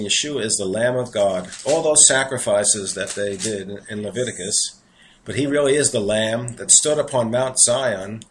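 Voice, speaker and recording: Earnest New York preacher reading scripture. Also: male voice, medium pitch, a little hiss or hum, poor audio. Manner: earnest, conversational asides between read verses. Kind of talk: sermon reading and explaining scripture.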